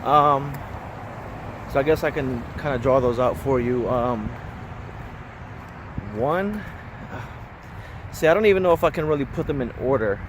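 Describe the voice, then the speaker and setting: A man's voice: medium pitch, measured pace, long pauses. A man in his thirties talking casually for his vlog while walking, a bit out of breath, rambling with small laughs. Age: 30s. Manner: rambling, chatty, laughs between thoughts. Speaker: vlogger. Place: outdoors on a busy street, walking. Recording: outdoor recording with loud traffic and wind noise.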